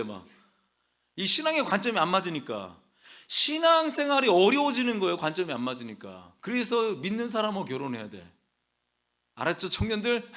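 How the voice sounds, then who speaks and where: Pastor guy preaching, voice jumps all over the place, kinda high and bright, jokey and lively with the crowd. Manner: animated, humorous preaching with acted quotes and questions to the congregation. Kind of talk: sermon. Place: church sanctuary.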